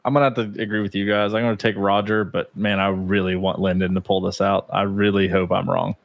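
Deep, flat-voiced man giving matchup picks. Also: brisk, vocal fry, dry recording. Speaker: fantasy league member on podcast. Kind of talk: casual chat.

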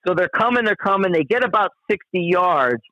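Man telling a rambling story, slightly high voice. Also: expressive, a little fast, sharp tone, no echo. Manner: rambling, profane, frequent restarts. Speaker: guest storyteller. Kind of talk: casual spoken anecdote. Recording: dull, dry lo-fi recording.

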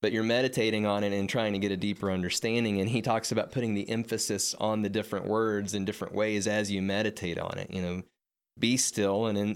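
Low-voiced reflective man. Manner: reflective, hesitant with repeated words. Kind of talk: spiritual discussion.

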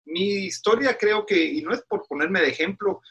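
Middle-aged pastor from Guatemala, bright husky voice, earnest preacherly interview guest. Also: male voice, high-pitched, moderate pace. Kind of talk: casual interview talk.

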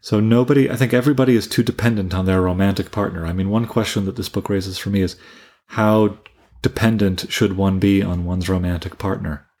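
Low-voiced man musing through a book. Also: fairly even intonation, fairly quick, a little mellow. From Canada. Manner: musing, thinks aloud with restarts. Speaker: podcast co-host. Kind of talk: casual book discussion.

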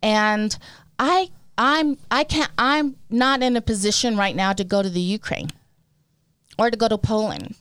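A woman's voice: medium pitch, unhurried, a bit bright, clear, resonant tone, no room sound, studio quality. A woman co-hosting a podcast, talking in an earnest, emotional and emphatic way about showing up for others. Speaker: podcast co-host. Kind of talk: heartfelt casual podcast talk.

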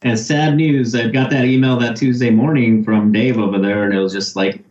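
A man's voice: mid-range voice, steady tone, normal speed, a little mellow. A man chatting on a podcast as a guest about a film festival he helped run, talking earnestly with lots of fillers. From Fresno, California. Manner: earnest, rambling, many fillers. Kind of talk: casual podcast chat. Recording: roomy and dull, lo-fi.

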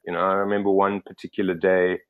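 A middle-aged man from Zimbabwe tells stories as a guest on a podcast, rambling and self-correcting with many fillers and restarts. His voice is low with little pitch movement and he talks fast, while the audio sounds narrow and tinny.

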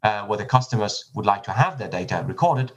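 In a podcast interview, a man from Germany gives measured, explanatory answers, often restarting his phrases. His voice sits on the low side and is expressive.

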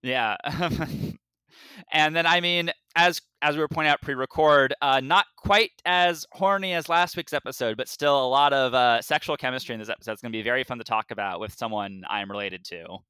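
Guy co-hosting a podcast, dry jokes, crisp bright voice, no room sound. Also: mid-range voice, normal speed, no echo. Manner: dry joking, relaxed storytelling. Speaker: podcast co-host. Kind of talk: casual podcast chat, episode recap.

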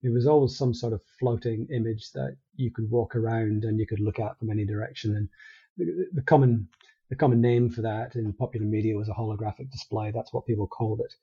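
A middle-aged Scottish man chatting as an interview guest, relaxed and rambling, restarting his sentences often. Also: fairly low pitch, a little fast, husky, highs cut off. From Scotland. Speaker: guest, company co-founder. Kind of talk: casual interview chat.

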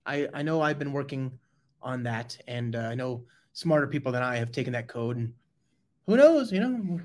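Guy hosting a tech livestream, gets excited, trips over his words a lot. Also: medium pitch, normal speed. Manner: excitable, stumbling restarts and laughs. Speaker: podcast host. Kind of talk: casual livestream chat.

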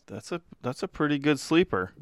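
A man's voice: on the high side, very animated, fairly quick, crowd noise. A man hosting a casual podcast chat, joking and swearing as he calls on each of his friends in turn. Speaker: podcast host.

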